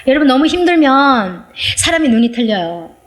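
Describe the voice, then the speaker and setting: A woman pastor delivers a heartfelt testimony sermon. Her voice sits fairly high, and she tells her story earnestly and with feeling, her pitch rising and falling as she speaks. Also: big pitch swings, moderate pace.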